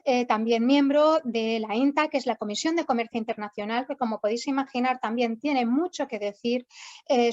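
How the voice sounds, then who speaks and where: A woman's voice: on the high side, muffled recording. A woman moderating an online panel as host, introducing guests and putting questions to them, over webinar audio.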